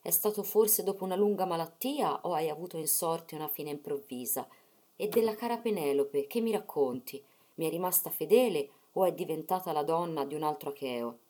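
A woman's voice: sits low, brisk, dark tone. A woman reading the part of a grieving male hero who pleads sorrowfully with his dead mother.

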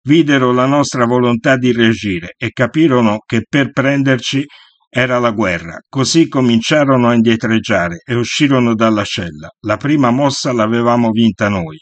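A man's voice: mid-range voice, normal speed, dry recording. Man reading a memoir, dry close sound. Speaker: narrator. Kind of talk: first-person memoir reading.

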